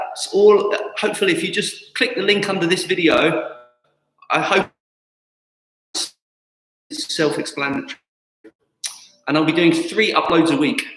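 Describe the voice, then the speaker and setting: A man's voice: fairly high pitch, a bit bright. A man in his fifties talking casually and conversationally to online students as an instructor, in an indoor studio. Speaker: tai chi instructor. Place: indoor martial arts studio with wooden floor. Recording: echoey hall, faint background music.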